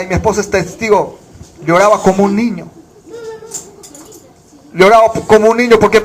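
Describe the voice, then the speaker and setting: A man from Bolivia preaching a sermon as pastor, fervent, with rhetorical questions. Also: high voice.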